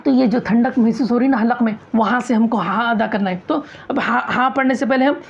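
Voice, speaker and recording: In a dull lo-fi classroom recording, a tajweed teacher with a fairly high, slightly rough voice speaks at a moderate pace. She teaches Quran recitation by asking questions and answering them herself, repeating key phrases and demonstrating sounds aloud, loud and drawn out.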